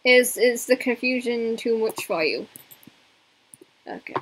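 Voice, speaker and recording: A woman's voice: fairly high pitch, measured pace, fairly bright tone, low-quality recording. A young woman streaming a game, chatting casually and rambling in a self-mocking way to her viewers. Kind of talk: casual live-stream chat while gaming.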